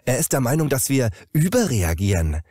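An anxious male smart fridge from a spoken story talks urgently and earnestly, its voice lifted slightly above the reader's own, as a man puts it on. The tone stays dark and lively in melody. The sound is close and dry. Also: mid-range voice, fairly quick, no room sound, voice pushed up.

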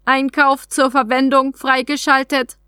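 A woman's voice: sits high, level tone, measured pace, sharp tone, no room sound, clean studio sound, pitched above the performer's own voice. A woman doing a clipped, formal alien vending capsule. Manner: clipped, formal machine announcements. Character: polite robotic alien trading capsule.

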